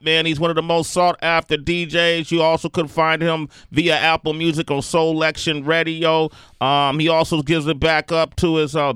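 Clear-voiced man hyping up a radio guest. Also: fairly high pitch, fairly bright tone, dry recording. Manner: hype-building, drawn-out introductions. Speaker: radio show host. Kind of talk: casual radio interview. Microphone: studio microphone.

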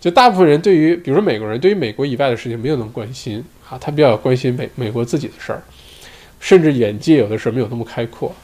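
A man's voice: medium pitch, darkish tone. Man, solo show host, loose rambling commentary, fillers and "right?" tags, mid-range voice. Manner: chatty, rambling, many fillers and tag questions. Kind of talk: casual commentary monologue.

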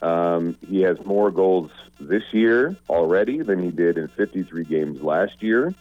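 Low-voiced joking radio co-host man. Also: measured pace, no room sound, narrow, tinny audio. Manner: joking, rambling, trails off and restarts. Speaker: radio sports talk co-host. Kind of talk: casual sports radio banter.

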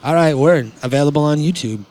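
A man's voice: a little high, a little fast, a little mellow. A man hosting a podcast in casual chat, rambling and laid-back, with many "like"s and "um"s. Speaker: podcast host.

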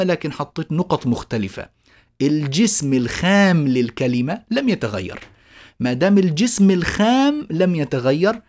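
A man's voice: a little high, a little mellow. Man teaching, drawing words out. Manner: slowly draws out example words when reciting them; poses questions to his students and answers them himself. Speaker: Quran recitation teacher. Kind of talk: explanatory lecture.

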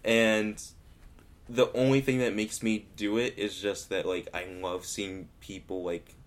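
A man's voice: lowish voice, little pitch movement, a little slow. A young man hosting a podcast, asking questions in an earnest, hesitant way. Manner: earnest, hesitant, self-described uptight. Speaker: podcast host. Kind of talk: casual interview.

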